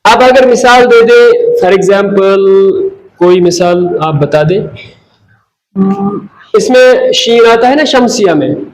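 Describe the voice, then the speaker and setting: A man's voice: sits high, takes it slowly, long pauses. A man teaching an Arabic class at a whiteboard. He mixes English phrases into his explanation and often asks the class questions, then answers them himself. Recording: echoey classroom with faint background noise.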